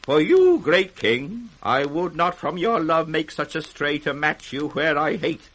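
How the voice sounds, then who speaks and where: A man's voice: a little high, lively intonation, measured pace, fairly bright tone. An actor playing an aging, proud and wrathful British king in a classical radio drama, declaiming imperiously. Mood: contemptuous fury. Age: older.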